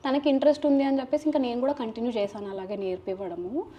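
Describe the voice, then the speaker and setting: A mother speaking casually in an interview, then patiently quizzing her small child and coaxing louder answers. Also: a little high, steady tone, racing, husky, muffled recording.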